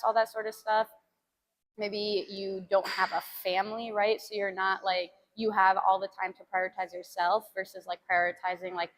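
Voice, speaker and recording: A woman's voice: medium pitch, a bit bright, slight background noise. A young woman from the United States chatting casually with her live-stream viewers about training and diet, rambling with lots of fillers. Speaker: fitness streamer.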